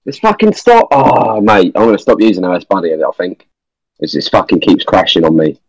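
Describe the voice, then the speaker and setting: A young man with a deep, low voice talks over a game on a headset, swearing at every turn. His exasperation never lets up. The sound is close and bone-dry. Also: brisk, gravelly, darkish tone, slightly rough, no echo, poor audio. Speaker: gamer. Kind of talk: live gameplay chatter.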